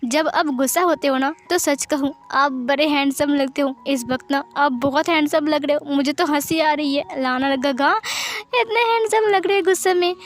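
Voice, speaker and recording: Woman reading as a playful teasing young man, high-pitched, storybook figure, faint background music. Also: normal speed, natural voice. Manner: teasing, giggly lines.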